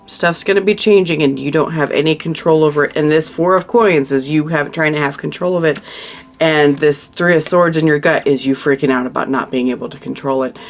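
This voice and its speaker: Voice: mid-range voice, fairly quick. A tarot reader giving a monthly reading to the viewer, thinking aloud over the cards in a consoling, emotional way, with frequent restarts. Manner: frequent restarts and trailing-off phrases.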